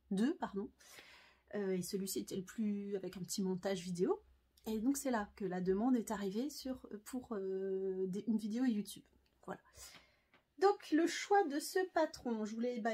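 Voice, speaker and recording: French lady chatting about her sewing at home, kinda high voice, lots of ums and restarts. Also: darkish tone, slightly rough. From France. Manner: chatty, hesitant, many fillers. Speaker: sewing vlogger. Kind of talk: casual sewing chat to camera.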